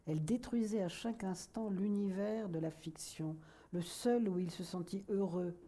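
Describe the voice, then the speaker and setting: A woman reading a literary novel aloud in a measured, soft manner that at times sinks to a whisper. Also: lowish voice, husky. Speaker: audiobook reader. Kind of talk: literary audiobook narration.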